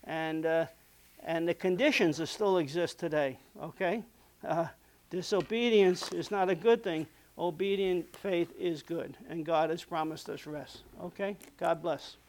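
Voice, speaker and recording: Guy giving a sermon, earnest and chatty, kinda high smooth voice, going a bit hoarse. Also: a little slow. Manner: earnest, conversational, frequent "okay?" checks. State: losing his voice. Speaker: preacher.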